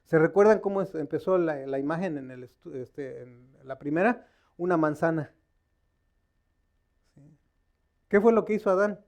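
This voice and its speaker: A man leads a Bible study in the loose manner of a lay preacher, not a polished speaker. His voice sits on the higher side, and he quizzes the room, pausing on fillers and restarting sentences as he hunts for the right word. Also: expressive, darkish tone. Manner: conversational, quizzing the audience with questions; stops to search for words, with many fillers and restarts. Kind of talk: informal sermon.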